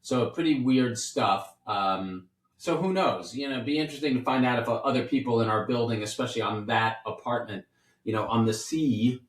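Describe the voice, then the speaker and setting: A man's voice: mid-range voice, moderate pace, far from the mic. Chatty man in his fifties, roomy sound. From New York City. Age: 50s. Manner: chatty, playful, rambling with restarts. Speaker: podcast host, doctor. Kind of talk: casual podcast chat. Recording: roomy sound, set back from the mic.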